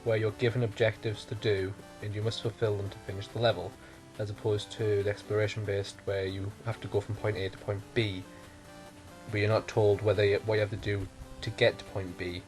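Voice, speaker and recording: Low-voiced rambling man, faint music. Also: little pitch movement, brisk. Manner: rambling, thinks aloud and corrects himself. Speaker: podcast co-host. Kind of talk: casual podcast chat.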